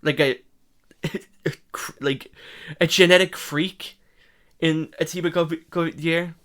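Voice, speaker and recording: A young man with a slight lisp, giving rambling, animated fight reaction commentary with casual swearing. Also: on the high side, slow pace. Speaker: MMA reaction youtuber.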